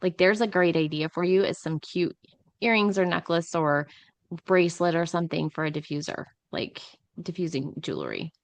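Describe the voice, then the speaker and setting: A woman's voice: lowish voice, lively intonation, normal speed, no echo. A middle-aged woman co-hosting a podcast, rambling casually with lots of "like" and "um". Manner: rambling, filler-heavy, uses many "like"s. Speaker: podcast co-host.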